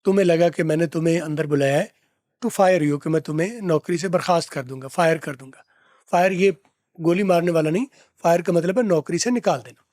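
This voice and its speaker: A man's voice: a little high, a little mellow, dry recording, studio quality. Man drilling English pronunciation. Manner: repeats phrases slowly, drills pronunciation. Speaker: English teacher. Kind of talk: lesson explaining film dialogue.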